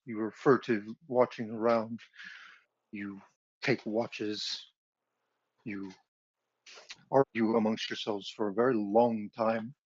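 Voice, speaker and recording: Man voicing a deep-voiced stern orc guard. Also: husky, no room sound. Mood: suspicious. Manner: stern, interrogating. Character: tall gruff male orc spear guard, suspicious. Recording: dull lo-fi online audio.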